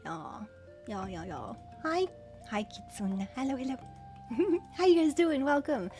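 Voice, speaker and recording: Aussie girl streaming, high pitched, gushing thank yous, trips over words, a little music playing. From Australia. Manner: excitable, rapid thanks, frequent stumbles. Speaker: livestream host. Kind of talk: casual livestream chat.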